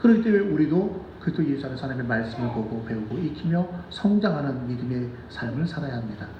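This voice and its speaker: A man preaching a sermon as pastor, animated and asking the congregation questions, sometimes acting out children's voices. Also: mid-range voice, fast talker, roomy sound, distant mic, lo-fi sound, slight background noise. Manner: acts out children's voices in quotes. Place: church sanctuary.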